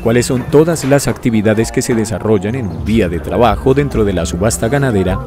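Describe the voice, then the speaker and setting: A man's voice: lowish voice, a little fast. A man reading scripted documentary narration. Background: music.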